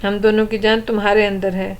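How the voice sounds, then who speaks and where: A woman voicing a loving, anxious middle-aged mother in a storybook reading, speaking softly and soothingly. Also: mid-range voice, little pitch movement, close to an everyday voice. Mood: tender.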